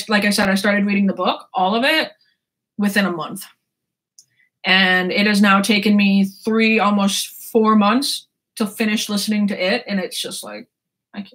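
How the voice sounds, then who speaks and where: A woman's voice: medium pitch, a bit bright. A woman in her twenties chatting casually about books, rambling, laughing and swearing freely. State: sore throat. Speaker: book vlogger. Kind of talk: casual chat.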